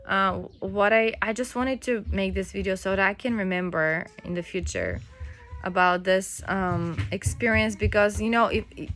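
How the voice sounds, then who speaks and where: A young mother with a first language other than English, telling a story at home in a casual vlog, halting, with fillers and restarts. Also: mid-range voice, a bit bright, soft background music. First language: not English. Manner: chatty, halting, with many fillers and restarts, breaks off to coo at her baby. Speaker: mother and vlogger.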